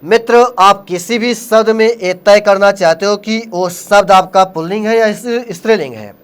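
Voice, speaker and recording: A man's voice: high voice, moderate pace, clean tone. A man from Uttar Pradesh teaching Hindi grammar for an exam, speaking with a Hindi accent. He keeps asking quiz questions and then answers them himself. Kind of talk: exam-prep lesson.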